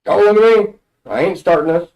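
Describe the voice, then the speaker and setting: A man's voice: high-pitched, expressive, brisk, recorded from a distance, highs cut off. A man chatting casually as a tabletop game player, blunt and clipped.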